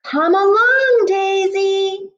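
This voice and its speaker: A woman voicing a mother duck who calls after her duckling in a high, sing-song way. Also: big pitch swings, slow, dark tone, lo-fi sound. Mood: calling.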